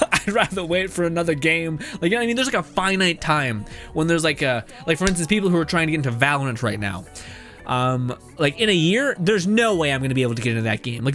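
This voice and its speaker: A young man streaming live and chatting casually with his viewers. He talks loosely and swears a lot, laughs often, and sounds a bit hoarse. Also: fairly high pitch, fairly bright tone. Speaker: game streamer. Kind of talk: casual livestream chat, reading chat aloud.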